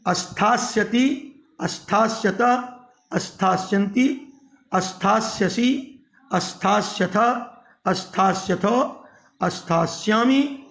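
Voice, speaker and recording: A middle-aged man teaching Sanskrit verb forms, reciting each form slowly in turn. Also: sits high, vocal fry. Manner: slow, drills verb forms one by one in a recitation. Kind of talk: recorded grammar lesson.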